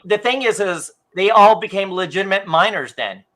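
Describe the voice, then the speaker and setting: A man co-hosting a casual movie review, animated and laughing, acting out his reactions. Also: high voice, normal speed. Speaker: co-host.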